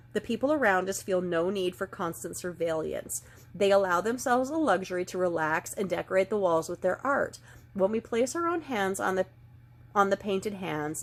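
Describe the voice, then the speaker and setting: Gentle and earnest, this middle-aged woman reads passages aloud while giving a casual oracle card reading of a spiritual kind. Her medium-pitched voice sounds slightly nasal and stuffed-up.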